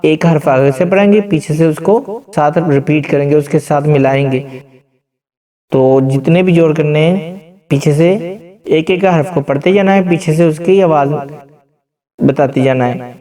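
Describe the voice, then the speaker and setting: Man teaching Quran reading, chants syllables slowly, higher voice, heard from a distance. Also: dark tone. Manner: slow syllable-by-syllable drilling, breaks into chanted recitation. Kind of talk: spelling-out recitation lesson. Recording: distant from the mic.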